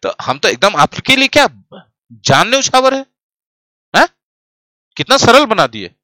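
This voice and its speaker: Bright-voiced playful tutor man. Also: extremely high pitch, big pitch swings, unhurried, no room sound. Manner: playful, teasing, asks the class questions. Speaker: English grammar teacher. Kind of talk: online class, joking with students. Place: classroom studio, standing at a desk.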